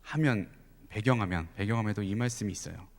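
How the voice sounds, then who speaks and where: A man preaching a sermon at a youth service, animated, with frequent rhetorical questions and occasional soft asides. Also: on the low side, quick pace. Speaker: youth pastor. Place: large church sanctuary. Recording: long church hall reverb.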